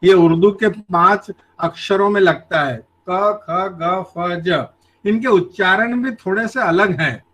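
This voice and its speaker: A man giving a lecture on grammar, slowly listing example words one by one. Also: high voice, fairly bright tone, low-quality recording. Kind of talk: slow explanatory lecture.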